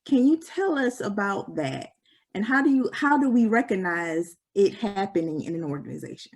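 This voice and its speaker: A woman with a mid-range voice hosts an interview. She puts her questions to the guest politely and in a measured way. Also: mid-range voice, animated. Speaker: host interviewer.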